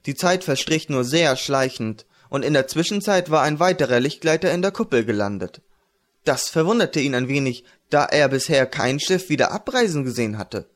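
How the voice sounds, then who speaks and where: A man narrating a fantasy audiobook in a measured, even reading. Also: medium pitch.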